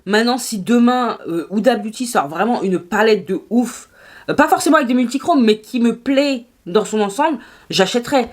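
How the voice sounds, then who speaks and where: A woman with a French accent, chatting casually through a makeup review, animated and quick to laugh. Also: a little high. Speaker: beauty vlogger.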